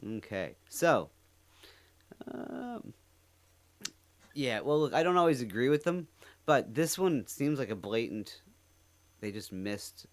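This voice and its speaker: A man hosting a reaction channel with casual live commentary, rambling and halting as he goes. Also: mid-range voice.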